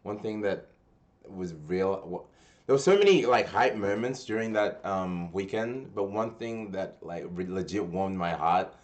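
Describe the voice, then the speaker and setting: A man's voice: deep voice, expressive, unhurried. A young man hosting a casual gaming podcast, rambling with lots of restarts and slang. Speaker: podcast host and tournament organizer. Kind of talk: casual chat.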